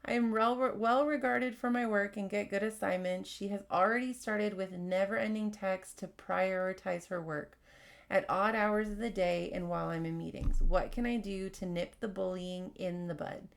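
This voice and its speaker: A woman hosting a casual advice podcast, talking fast and candidly while she reads out workplace stories and comments. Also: mid-range voice, fairly even intonation, gravelly. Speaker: podcast host.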